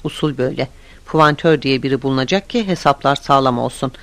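A man's voice: mid-range voice, quick pace, fairly bright tone, close to an everyday voice. A man voicing a cynical, worldly male warehouse keeper who talks in a mocking, matter-of-fact way.

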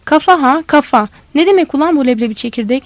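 A woman's voice: sits high, lively intonation, fast, no room sound, voice pushed up. Woman doing a quarrelsome drunk man. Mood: belligerent. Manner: stammering, repetitive, aggressive.

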